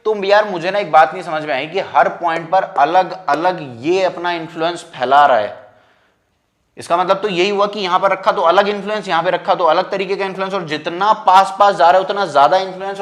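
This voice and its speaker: A man's voice: high-pitched, fairly bright tone. Chatty man teaching physics. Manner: informal, keeps checking if students understand; dictates definitions slowly word by word. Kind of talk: classroom lecture, mixing Hindi and English.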